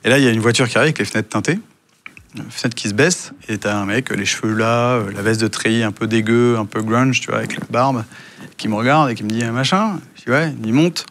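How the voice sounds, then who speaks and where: Man from France, low voice, gravelly texture, hesitant anecdotal storytelling, quoting dialogue. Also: fast, slight background noise. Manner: relaxed anecdotes with many hesitations, acting out quoted dialogue. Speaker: guest, former intelligence officer. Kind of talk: casual storytelling interview.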